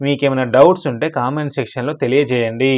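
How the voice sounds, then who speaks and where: A man's voice: mid-range voice, fairly even intonation, fast, highs cut off. A man with a Telugu accent teaching spoken English, reading each short phrase twice with its translation. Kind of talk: slow spoken-English lesson.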